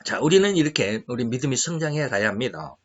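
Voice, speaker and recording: A man preaching a sermon in an earnest, confessional way, often pausing with hesitant fillers. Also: medium pitch, expressive, breathy edge. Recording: dull lo-fi recording.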